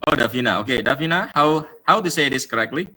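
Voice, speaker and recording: A man's voice: mid-range voice, animated, a little fast, bright, forceful tone, slight background noise. A man with an Indonesian accent teaching an English class, mixing English words into his explanations with many fillers. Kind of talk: online class lesson.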